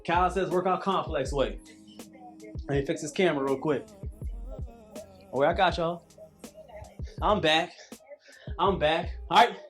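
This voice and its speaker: A man's voice: on the high side, measured pace, long pauses, fairly bright tone, faint music behind. A man in his late thirties coaching a calisthenics workout with emphatic, preachy, repetitive cues. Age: 30s. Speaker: fitness coach.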